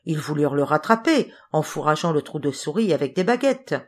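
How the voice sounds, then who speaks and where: Audiobook narrator for a fairy tale, a woman with a low, animated read. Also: breathy edge. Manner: expressive, measured. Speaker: audiobook reader. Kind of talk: storybook narration.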